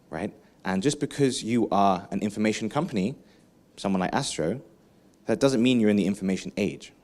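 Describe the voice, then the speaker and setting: Energetic keynote speaker. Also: male voice, on the low side. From England. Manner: lively, engaging, asks the audience questions, frequent "right?".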